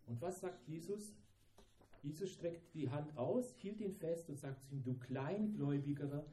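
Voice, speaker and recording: A man's voice: fairly high pitch, animated, measured pace, mellow, roomy sound, a little hiss or hum, rough recording. A man preaching a sermon in a dramatic way, acting out the voices of the people in the story. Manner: dramatic, acts out the disciples' voices.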